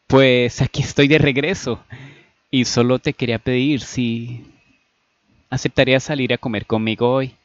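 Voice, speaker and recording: Un hombre dando voz a un joven galán seguro de sí, que habla con calma y soltura. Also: male voice, medium pitch, moderate pace, dry recording, dull audio, pitched above the performer's own voice, close to an everyday voice. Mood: charming. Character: James/Terrence, charming young man, confident and smooth.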